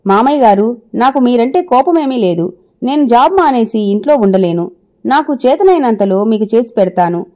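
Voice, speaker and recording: A woman voicing a defiant young working wife, arguing indignantly and forcefully. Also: a little high, lively intonation, normal speed, natural voice.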